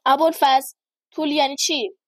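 A woman's voice: sits high, steady tone, a bit bright, dry recording. A woman voicing an adult male schoolteacher who questions his class and tells a story. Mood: scolding. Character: male schoolteacher, adult, patient but exasperated.

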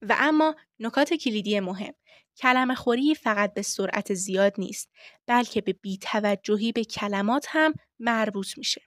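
A woman hosting a podcast lesson on voice work, explaining things clearly and step by step. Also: mid-range voice, fairly bright tone, no room sound, clean studio sound. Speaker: voice-acting teacher.

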